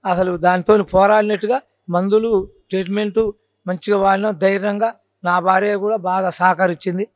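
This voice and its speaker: Earnest high-voiced Telangana man. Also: little pitch movement, moderate pace, dry recording. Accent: Telangana Telugu. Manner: earnest, repeats his points. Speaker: oral cancer survivor, folk storyteller. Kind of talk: casual interview.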